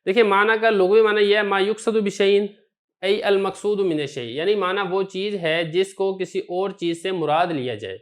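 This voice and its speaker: A man teaching a recorded lesson, explaining step by step and answering the questions he poses himself. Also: high voice. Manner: methodical, poses questions then answers them. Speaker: teacher of Arabic grammar.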